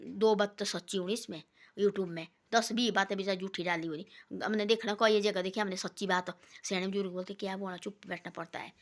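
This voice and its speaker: A woman telling casual moral stories in a rambling, repetitive way, dropping her voice to quote people. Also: medium pitch. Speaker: storyteller giving moral talks. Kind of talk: casual moralizing folk storytelling.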